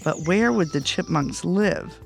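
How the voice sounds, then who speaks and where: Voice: medium pitch, animated, measured pace, gravelly, soft background music. A narrator voicing a hot-tempered, grumbling male cartoon duck uncle in a children's storybook, exclamatory and indignant. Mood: puzzled.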